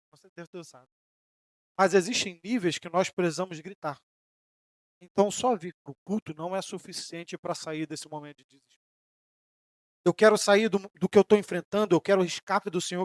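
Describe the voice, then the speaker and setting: A Brazilian man preaching a sermon as pastor, rising in emphatic bursts and then dropping soft, sometimes voicing the questions of his listeners. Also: high voice, no room sound, studio quality. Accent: Brazilian Portuguese. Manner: preaching with emphatic rises and sudden soft drops; voices imagined questions from listeners.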